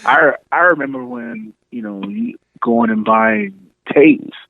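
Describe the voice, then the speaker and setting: A man's voice: high voice, slow pace, vocal fry, no room sound. A man in his thirties from New York City, telling stories with easy laughs in a casual phone chat. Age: 30s. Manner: relaxed storyteller, laughs often. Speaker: podcast guest. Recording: tinny phone line.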